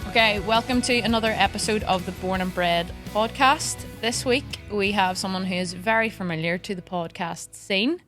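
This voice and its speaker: A woman's voice: medium pitch, moderate pace, few pauses, faint music behind. A woman hosting a podcast, introducing and chatting casually. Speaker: podcast host.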